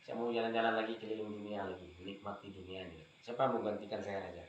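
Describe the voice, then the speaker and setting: A man's voice: on the low side, fairly even intonation, quick pace, muffled recording, a little hiss or hum, close to an everyday voice. A man voicing a bored, stern king who proclaims decrees to his court. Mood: proclaiming. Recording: very echoey hall, faint ambience.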